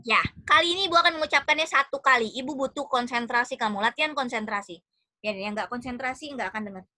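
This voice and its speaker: Bright high-voiced Indonesian woman teacher. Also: dry recording. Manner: affectionate, encouraging, calls students one by one. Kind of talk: online class teaching. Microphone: video call.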